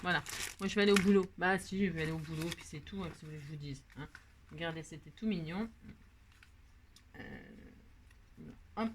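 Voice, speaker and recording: Talking a little fast but with long pauses, a middle-aged woman chats her way through a crafting tutorial in a fairly low voice. She addresses herself and her viewers alike, full of fillers, and the recording carries a little hiss or hum.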